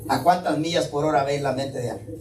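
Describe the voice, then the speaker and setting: A man's voice: fairly high pitch, steady tone, fairly quick, echoey room, recorded from a distance, noisy background. A male pastor preaching a sermon in a conversational way, often checking in with his congregation. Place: church hall.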